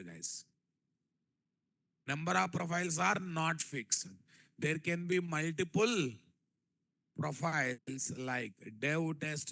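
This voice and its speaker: A man's voice: fairly high pitch, creaky, sharp tone, no room sound. A man with a Telugu Indian accent teaching a technical class, repeating phrases and quizzing his listeners with rhetorical questions. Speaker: programming instructor. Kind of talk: live classroom-style technical lecture.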